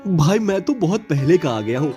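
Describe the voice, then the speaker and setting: A man voicing a poor, caring husband and father in an animated story, reassuring his wife. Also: fairly high pitch, normal speed, faint music behind. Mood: cheerful.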